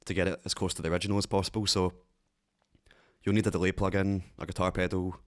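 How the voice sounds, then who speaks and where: A man with a Glaswegian accent hosting a synth tutorial, talking in a relaxed, rambling way with plenty of fillers. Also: sits low, quick pace. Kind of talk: casual tutorial talk.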